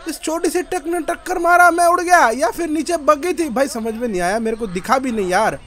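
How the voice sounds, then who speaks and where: Young male gaming streamer, very high voice, frantic repetitive outbursts during play. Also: fairly quick. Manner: loud frantic outbursts, repeating phrases. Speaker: gaming YouTuber. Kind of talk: excited Hindi gameplay commentary.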